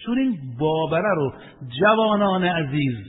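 A man's voice: fairly high pitch, animated. A man preaching a sermon, asking rhetorical questions, reciting Arabic verses and addressing his listeners fondly. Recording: echoey hall over tinny phone-like line, faint hiss.

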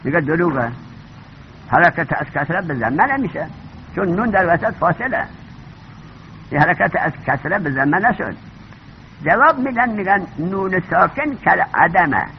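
Guy teaching a grammar class, high voice that jumps all over, keeps quizzing the students, kinda dull lo-fi sound. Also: gravelly. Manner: questions the class and repeats key points. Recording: dull lo-fi recording with faint noise.

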